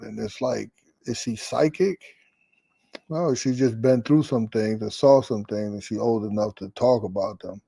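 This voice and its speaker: Gravelly-voiced man, a frank boxing coach. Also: mid-range voice, mellow, no echo, low-quality recording. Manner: loose and candid, swears, laughs easily. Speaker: boxing head trainer. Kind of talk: casual interview answers.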